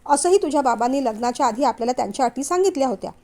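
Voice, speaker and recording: A woman's voice: high-pitched, animated, racing, dark tone. A woman reading a frank young woman's worried lines in a family novel. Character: young woman, outspoken, anxious bride-to-be.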